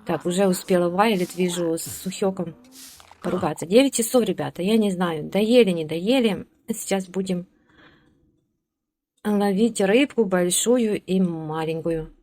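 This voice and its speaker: A woman's voice: fairly low pitch, a little slow, darkish tone. A woman giving casual gameplay commentary, chatting along and ordering her game characters around, with hesitant fillers. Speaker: let's play host.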